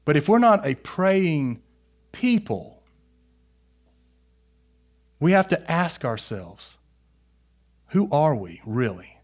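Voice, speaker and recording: A man's voice: on the high side, very animated, slow, long pauses. A man preaching a sermon as a pastor, earnestly exhorting his listeners and putting questions to them.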